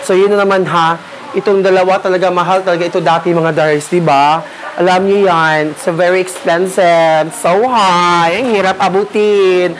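A man's voice: high voice, level tone, moderate pace, a little hiss or hum. A man gives a casual, rambling tour of his home garden and keeps calling his viewers darling. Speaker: gardening vlogger. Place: home garden, partly outdoors.

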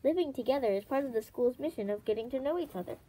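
A woman's voice: high-pitched, lively intonation, fast, dark tone, poor audio. A woman voicing a cheerful, firm young female dragon.

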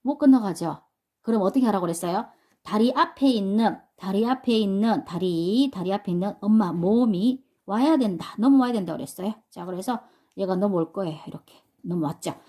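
A woman's voice: medium pitch, expressive, brisk, mellow. A woman teaching English pronunciation to adult learners, explaining step by step and often asking the class questions. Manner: patient, repeats and asks the class questions.

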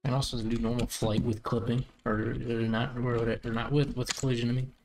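A man chatting casually while playing a multiplayer game, relaxed and bantering. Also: mid-range voice, a little fast, slight background noise. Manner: laid-back banter, laughs a lot. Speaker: gamer. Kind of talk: casual multiplayer gameplay chat.

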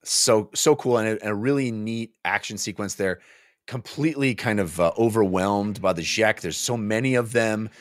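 In a small home studio, a man in his forties hosts a book club podcast, casually recapping a novel with animated jokes and acting out characters' lines. His lowish voice moves at normal speed, picked up close on a boom-arm studio microphone with no room sound.

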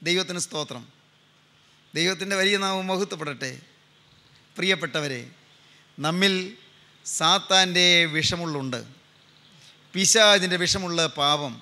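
An older man delivers a sermon in a high, very bright, ringing voice. He drives his points home by repeating phrases and stretches key lines out slowly for weight. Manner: emphatic preaching with repeated phrases and a slow, drawn-out climax. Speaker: preacher.

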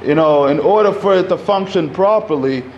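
Indoors in a community center hall, an Egyptian man in his thirties speaks off the cuff at a podium mic as a panel speaker. He talks at a moderate pace in a slightly high voice, with a casual delivery packed with fillers and restarts. The sound is dull, and faint hiss and room noise sit beneath him.

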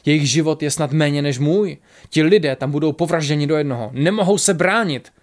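A man's voice: a little high, steady tone, natural voice. A man doing a grieving, furious tiger warrior. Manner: shouting, impassioned.

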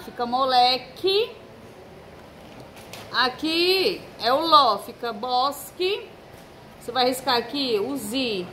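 A woman's voice: high voice, pushed and bright, slight background noise, rough recording. A Brazilian woman teaching a recorded first-grade lesson, patiently spelling out letters and syllables. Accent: Brazilian Portuguese. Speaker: primary school teacher. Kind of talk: recorded remote class.

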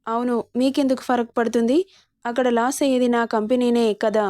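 A woman's voice: a little high, little pitch movement, a little fast, dark tone, no echo, studio quality, natural voice. A woman voicing a pleading young wife. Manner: coaxing, sulky pleading.

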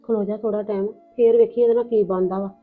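A woman's voice: medium pitch, fairly even intonation, fast, natural voice. A woman playing a blunt scolding old aunt. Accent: Punjabi. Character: elderly paternal aunt, scolding and protective. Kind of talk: village family drama acting. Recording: tinny phone-like lo-fi with music.

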